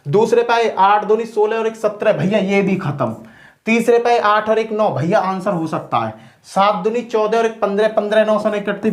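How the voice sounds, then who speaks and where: A man teaching exam math tricks in a loud, colloquial, playful coaching style, standing at a board. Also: sits high. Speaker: math teacher for police exams. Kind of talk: energetic coaching lesson. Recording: echoey room.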